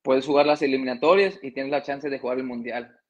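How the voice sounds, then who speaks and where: A man's voice: mid-range voice, fairly quick, highs cut off. A man in his thirties from Mexico, a former footballer telling his story in a casual interview, conversational, excusing his coughs and slips.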